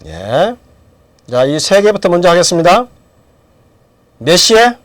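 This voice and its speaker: Middle-aged male language teacher, animated delivery, dry recording, drills the class with questions. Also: high-pitched, a little slow, dry recording. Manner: asks questions and answers them himself. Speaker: English teacher. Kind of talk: lecture with drills.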